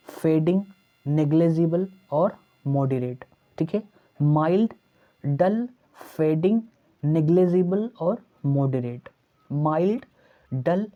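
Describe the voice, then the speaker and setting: A man's voice: a little high, highs cut off. A young man teaching a vocabulary lesson for exam preparation, repeating each word in lists and constantly addressing the viewers as friends. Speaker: English teacher for exam prep. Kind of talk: vocabulary lesson in Hindi and English.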